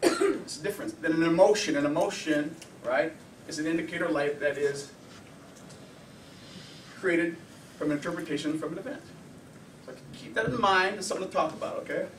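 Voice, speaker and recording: A fairly high-voiced man gives an informal anger management class, lively and chatty, acting out the lines of the people he quotes. He is recorded from across an echoey room, and a faint hum of background ambience sits under his voice. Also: normal speed, pauses often, recorded from a distance. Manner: animated, conversational, acts out quotes.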